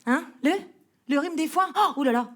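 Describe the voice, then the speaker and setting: A woman's voice: high voice, moderate pace, a bit bright. A female comedian doing stand-up on a festival stage, teasing a spectator and playfully mangling words.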